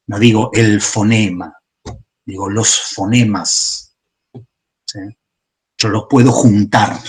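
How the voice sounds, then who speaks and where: A man giving a class lecture, explaining step by step and often checking in with "¿sí?". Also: mid-range voice. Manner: explanatory, asks "¿sí?" often, pauses and restarts. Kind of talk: class lecture on psychoanalytic theory.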